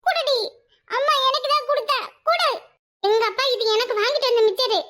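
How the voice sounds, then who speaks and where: A woman's voice: extremely high pitch, fairly quick, pushed and bright. A woman voicing a cheeky older girl who bullies her little cousin, in a sulky, defiant whine.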